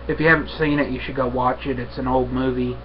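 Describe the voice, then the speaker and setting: Halting young man, dull webcam sound. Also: mid-range voice, flat delivery. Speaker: vlogger, pipe smoker. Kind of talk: casual chat to camera. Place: small room at home, indoors. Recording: dull webcam audio with faint noise.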